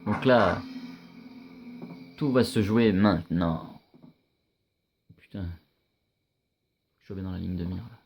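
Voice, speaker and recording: A young man giving casual, chatty commentary while playing a video game, reacting loudly and swearing often. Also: sits low, slow pace, pauses often, music in the background.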